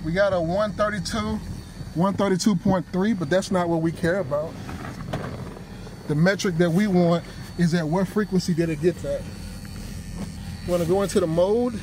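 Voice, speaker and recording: This car audio host tests a product hands-on, explaining each step and calling his audience "you guys." His voice sits high, moving at a moderate pace with long pauses. Vehicle ambience comes through clearly behind him.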